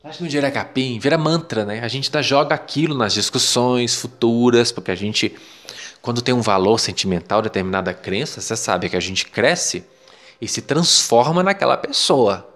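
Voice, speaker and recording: A man with a Brazilian Portuguese accent teaching a self-help course lesson, talking in a lively, emphatic way. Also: mid-range voice, normal speed. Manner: lively, emphatic, mimics parents' voices. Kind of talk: lecture on beliefs.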